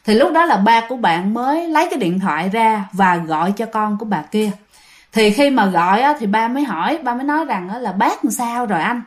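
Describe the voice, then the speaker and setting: Animated southern Vietnamese woman telling a ghost story. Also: a little high, brisk. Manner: chatty, addresses listeners directly, animated retelling. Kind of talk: casual spoken storytelling.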